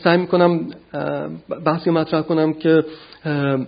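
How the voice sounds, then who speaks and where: A man giving an academic philosophy lecture, measured and often pausing to gather his thoughts. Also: fairly high pitch, level tone, creaky, dull audio. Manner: measured, frequent hesitations.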